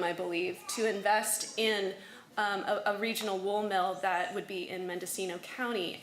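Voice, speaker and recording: A woman hosting a community meeting, addressing the gathering in measured phrases with pauses. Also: medium pitch, a bit bright. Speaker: host introducing speakers. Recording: echoey room, faint noise.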